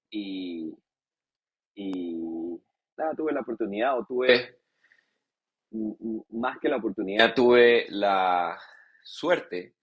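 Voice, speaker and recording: A man, a cycling guest in a casual podcast interview, relaxed and joking, halting with many fillers. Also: low-pitched, slightly rough. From Venezuela.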